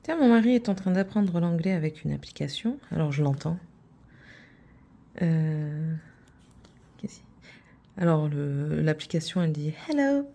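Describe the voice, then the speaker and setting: A woman chatting casually to her viewers about her craft projects, wandering from one thought to the next and teasing herself along the way. Her voice sits a little low and sounds soft and mellow rather than bright. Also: unhurried, creaky, long pauses. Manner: chatty, rambling, self-teasing. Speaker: crafts vlogger.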